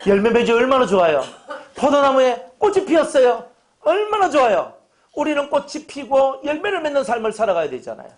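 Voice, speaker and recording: A man's voice: extremely high pitch, very animated, fairly quick. A middle-aged male pastor preaching a humorous sermon, joking and acting out little dialogues with his congregation.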